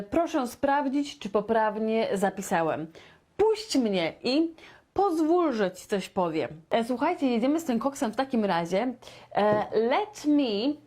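A young woman with a fairly high voice teaches English in a live online lesson. She's lively and chatty, often turning to her viewers and acting out everyday dialogues.

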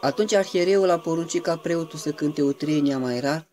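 A man giving a reverent, measured devotional reading that slips into chanted intoning at times. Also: fairly high pitch, a little mellow. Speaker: reader of a saint's life.

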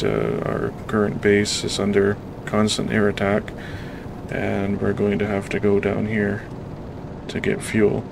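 Brief: low, flat-voiced man, gravel in the voice, low-key self-mocking gameplay commentary over noisy game sound. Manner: self-described monotone, self-deprecating. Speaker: gamer playing a submarine sim. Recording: noisy game audio behind voice.

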